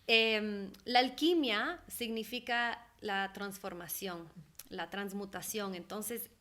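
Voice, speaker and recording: A woman's voice: mid-range voice, slow. A young adult woman from Ecuador, talking casually and animatedly as an interview guest. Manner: animated, laughs often, acts out quoted voices. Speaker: guest, holistic therapist.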